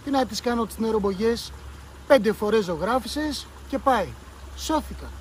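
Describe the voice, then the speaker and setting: A man voicing a boastful, quick-tempered young boy in a read-aloud story, speaking loudly. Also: sits high, animated, slight background noise, pitched above the performer's own voice. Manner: loud, boastful.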